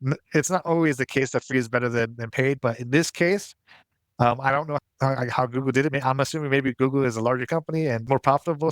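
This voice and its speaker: A man's voice: mid-range voice, clean tone, dry recording. A man narrating a tutorial as its host in a casual, explanatory style.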